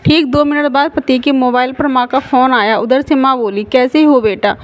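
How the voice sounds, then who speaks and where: Casting note: woman storyteller with a high, light voice, reading a family moral tale earnestly. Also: steady tone, normal speed. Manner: reads all parts in her own voice, earnest moralizing tone. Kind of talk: scripted moral story narration.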